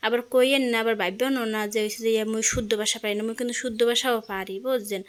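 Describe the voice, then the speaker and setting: Chatty young woman with a Barishal accent. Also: fairly high pitch. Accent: Barishal dialect of Bengali. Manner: chatty, keeps checking in with the viewer. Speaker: vlogger; mother of young children. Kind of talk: casual home vlog chat.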